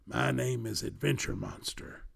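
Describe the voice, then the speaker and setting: A big, friendly storybook monster who is earnest and good-humored, as a man reads him. His voice is gravelly and husky and sits close to the reader's own. He speaks plainly and warmly to his listeners. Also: medium pitch, a little slow, exaggerated voice. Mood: pleading.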